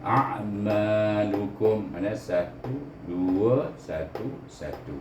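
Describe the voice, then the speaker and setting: A Malaysian man with a fairly low voice gives a step-by-step recitation lesson. He over-enunciates, sounding out each syllable with a teacher's care. The room is clearly echoey, with faint noise behind him. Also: moderate pace, dull audio. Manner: didactic, often ends points with a short "eh" tag. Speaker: Quran reading teacher.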